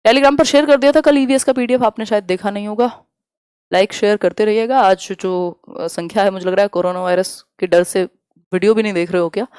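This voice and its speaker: A woman teaching a live online exam-prep lesson. She explains each point in Hindi mixed with English terms, reads the questions out slowly and answers viewers in the chat. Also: mid-range voice, fairly even intonation, a little mellow, clear, resonant tone, no room sound.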